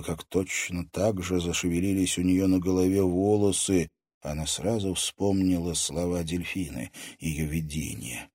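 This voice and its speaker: A male audiobook narrator with a low-pitched, animated delivery that rises and falls dramatically. He tells the tale expressively. The recording is dry and close. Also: breathy edge, dry recording. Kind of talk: scripted narration.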